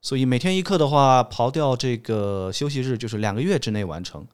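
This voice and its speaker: A man's voice: mid-range voice, expressive, fairly quick, clean tone. A man who teaches English pronunciation, a guest on an interview podcast, explaining his courses patiently and methodically.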